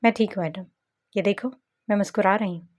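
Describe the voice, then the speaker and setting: A grieving young woman speaks calmly, guarded and resigned, as a woman reading the story voices her. Her tone stays level and composed. The pitch sits at an ordinary middle height. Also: fairly quick, lightly acted. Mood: wry. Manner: calm, resigned.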